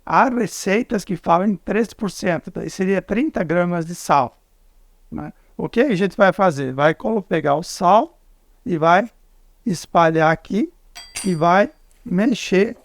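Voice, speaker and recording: Southern Brazilian man cooking on camera, fairly high voice, dry close sound, explains each step. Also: dry recording. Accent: southern Brazilian Portuguese. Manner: explains step by step, halting restarts. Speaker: cook. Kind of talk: cooking demonstration.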